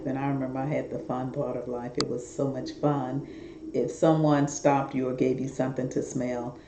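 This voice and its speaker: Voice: mid-range voice, warm tone, slight background noise. A middle-aged talk show host giving rambling, earnest, repetitive warnings straight to viewers in a casual monologue. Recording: roomy, dull lo-fi recording.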